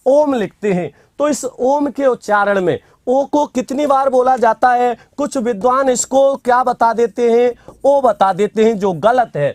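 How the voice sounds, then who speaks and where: A teacher lecturing on grammar at an unhurried pace, posing questions to the class and answering them. Notes are dictated phrase by phrase and repeated for copying. The voice is close and dry, with no room sound. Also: mid-range voice, a little mellow, dry recording.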